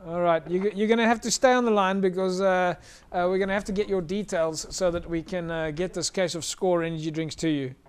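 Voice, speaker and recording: High, clear-voiced South African male rugby host. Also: fairly even intonation, brisk. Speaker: host of a live rugby TV call-in show. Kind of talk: casual sports show presenting.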